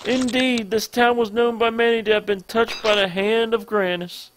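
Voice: medium pitch, fairly even intonation, normal speed, slight background noise, lightly acted. Gluttonous Southern merchant villain, oily drawl, voiced by a let's-play reader. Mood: smug. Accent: put-on Southern US.

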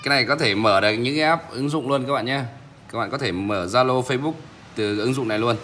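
Bright-voiced man, casual tech vlogger. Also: medium pitch, fast, a little hiss or hum. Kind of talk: casual phone app demonstration.

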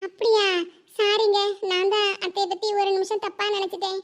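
Cartoon: a timid, weepy young bride, Kanyakumari Tamil accent, very high and bright. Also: flat delivery, brisk. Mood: tearful. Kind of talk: cartoon voice acting.

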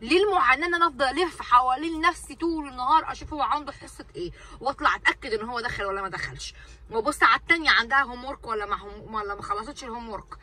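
Woman, Egyptian Arabic accent, exasperated mother venting to camera, slightly high voice, somewhat distant mic. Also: racing, sharp tone. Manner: exasperated, ranting, repeats herself for emphasis. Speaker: vlogger and mother.

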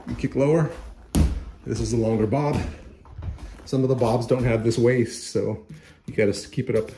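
A man's voice: medium pitch, steady tone, moderate pace, background noise. A middle-aged man casually reviewing a product at home, rambling with many restarts and repeated words, recorded on a handheld phone. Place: home practice room. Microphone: handheld phone camera.

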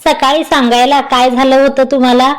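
A bashful young newlywed wife, read by a woman narrator, fussing and pleading with her husband in a storybook tale. Her voice sits high, and she talks in a flustered, half-scolding rush. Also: little pitch movement, normal speed, lightly acted.

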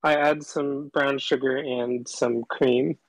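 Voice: medium pitch, steady tone, slow pace, rough recording. A caller talking through a voice changer that disguises the voice, chatting casually on a call and rambling with lots of fillers. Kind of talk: casual phone chat.

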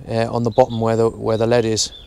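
Low flat-voiced man at a lakeside. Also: fast, creaky, clean tone. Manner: relaxed, explains step by step. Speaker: fishing vlogger. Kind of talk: casual how-to narration. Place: outdoors at a lakeside bank.

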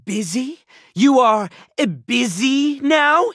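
A woman voicing a stern, pompous candy cookie officer in a video game, scolding formally in a husky voice. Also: high voice, lively intonation, takes it slowly, a bit bright, no echo, clean studio sound, exaggerated voice. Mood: indignant. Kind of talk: video game cutscene voice acting.

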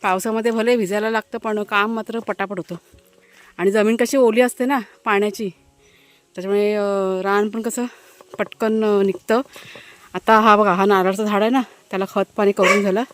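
A woman's voice: medium pitch, fairly even intonation, normal speed, no echo. Chatty woman vlogging from her garden. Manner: chatty, talks fondly to her dogs. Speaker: family vlogger. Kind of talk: casual narration to viewers while gardening. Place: outdoor village garden in the rain.

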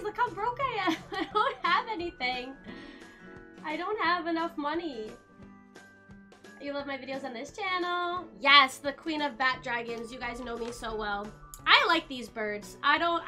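A young woman streams a game live and chats to her viewers. Her voice sits very high and bright, and she gets excitable and loud as each round plays out. Faint game music plays behind her.

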